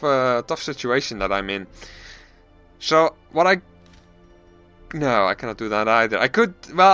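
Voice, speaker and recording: A man's voice: medium pitch, pushed and bright. A man hosting a gaming channel, thinking aloud in casual let's-play commentary, self-deprecating and often restarting his sentences.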